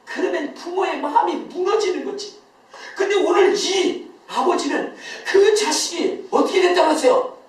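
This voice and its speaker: A man's voice: very high-pitched, moderate pace. A male pastor delivers a Sunday sermon with emphatic, questioning energy, laughing between lines. His voice carries from a distance and rings around a very reverberant sanctuary. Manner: emphatic, quizzes the congregation, often laughing as he speaks. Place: church sanctuary. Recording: very echoey church, voice from far off.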